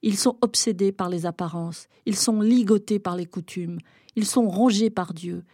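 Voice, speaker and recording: A woman reading a novel excerpt aloud in a dramatic, intense way, rising to loud shouting in the heated passages. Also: mid-range voice, normal speed, no echo, clean studio sound. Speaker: reader.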